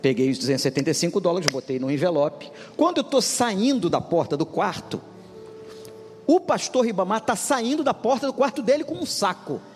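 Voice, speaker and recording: A man preaching with lively, joking energy and a slightly high voice, telling a story straight to his congregation. His words ring out with a long hall reverb. Music plays softly behind him. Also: a little fast. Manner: animated, humorous, addresses congregation directly. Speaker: pastor. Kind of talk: storytelling sermon.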